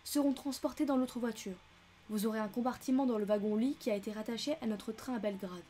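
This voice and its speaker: An eager male railway director, brisk and insistent, who presses his point with impatience, as a woman reads him. The voice sits fairly high, with a mellow warmth. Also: slight background noise, lightly acted. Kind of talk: audiobook character reading.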